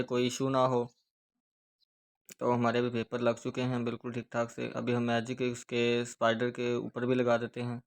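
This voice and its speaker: A man with a Pakistani Urdu accent giving a hands-on speaker repair tutorial, explaining each step steadily as he works. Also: mid-range voice. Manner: steady, repetitive explaining while working with hands.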